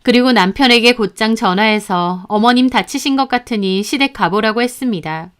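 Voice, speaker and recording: Woman reading out a story, smooth clear voice, a bit high, calm and plain. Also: moderate pace. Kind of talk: scripted story narration.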